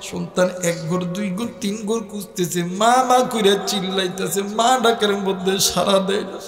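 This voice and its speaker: Male preacher, high half-sung sermon narration, echoey hall, faint music. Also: fairly even intonation, normal speed, vocal fry, distant mic. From Bangladesh. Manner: melodic, emotional half-sung storytelling. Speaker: Islamic preacher. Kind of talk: chanted waz sermon storytelling.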